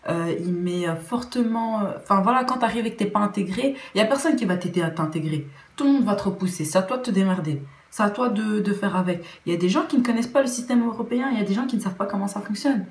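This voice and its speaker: A young Belgian woman with a Belgian French accent, talking earnestly in a casual opinion vlog, often restarting her sentences. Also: mid-range voice. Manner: earnest, with many restarts and fillers. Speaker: vlogger. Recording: roomy echo.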